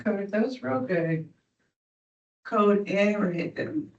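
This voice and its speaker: A woman's voice: medium pitch, very slow, darkish tone, reverberant, far from the mic, highs cut off. A woman tutoring a student in phonics, patient and encouraging, often checking in with "right?". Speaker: reading tutor. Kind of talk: one-on-one phonics lesson.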